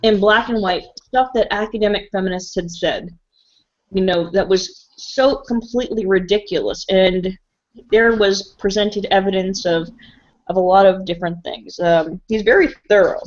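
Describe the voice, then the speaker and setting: A woman's voice: medium pitch, moderate pace. A woman hosting a casual live stream chat, talking freely and laughing often. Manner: chatty, laughs often, talks with mouth full. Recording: dull lo-fi stream audio.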